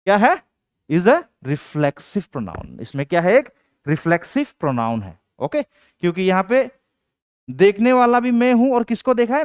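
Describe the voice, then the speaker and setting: A man giving an exam-prep English grammar lecture, asking questions and answering them himself, and reading English sentences out slowly. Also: on the high side, smooth, no room sound, studio quality. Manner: explains, then asks and answers his own questions.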